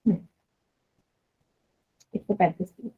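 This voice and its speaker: A woman's voice: measured pace, phone-quality sound. A woman teaching math in a live online class, patiently explaining and quizzing students. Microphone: online class stream.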